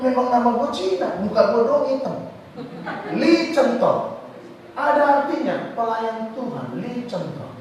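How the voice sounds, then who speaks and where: A middle-aged man from North Sumatra preaching a loud, animated, joking sermon as pastor. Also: high-pitched, slight background noise. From Batak, North Sumatra. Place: large church hall. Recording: echoey church hall from far off.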